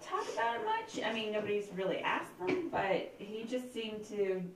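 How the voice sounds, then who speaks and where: A woman's voice: mid-range voice, big pitch swings, moderate pace, a little hiss or hum. A woman narrating as game master in a chatty, laughing way with many fillers. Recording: echoey room, distant mic, faint ambience.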